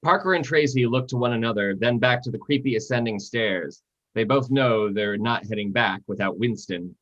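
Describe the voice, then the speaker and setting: A man reads screenplay stage directions at a live reading in a steady, descriptive voice. His pitch sits mid-range, and the sound is dull and lo-fi. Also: moderate pace. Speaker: narrator.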